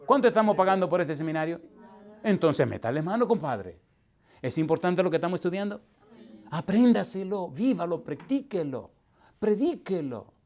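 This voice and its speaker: A man, a pastor teaching a preaching seminar to a live audience, asking constant call-and-response questions and swinging from loud to hushed. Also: high-pitched, big pitch swings, normal speed. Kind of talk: lively seminar sermon. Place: church hall with live audience.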